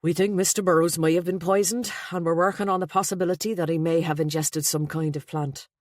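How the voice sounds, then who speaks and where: A woman's voice: fairly low pitch, steady tone, no room sound, clean studio sound, lightly acted. A woman voicing a guarded male police sergeant. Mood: businesslike. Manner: measured, apologetic, businesslike.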